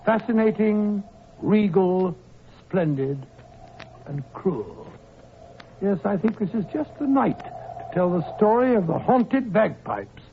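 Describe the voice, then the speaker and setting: Old gent doctor watson spinning a yarn, high pitched, thin old radio sound w faint hiss. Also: male voice. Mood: grand. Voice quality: hearty, declamatory storytelling. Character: Doctor Watson, older gentleman storyteller, hearty. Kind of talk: 1940s radio drama. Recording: tinny 1940s radio broadcast with hiss.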